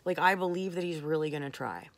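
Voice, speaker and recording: A woman talking candidly in a late-night personal vlog, tired and slurring her words, rambling with soft pauses. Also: low-pitched, dry recording. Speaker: vlogger.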